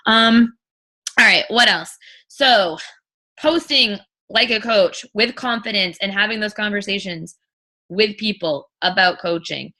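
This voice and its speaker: A woman's voice: medium pitch, unhurried, sharp tone. A woman leading an informal coaching talk as a team leader, blunt and emphatic, repeating her points and swearing freely.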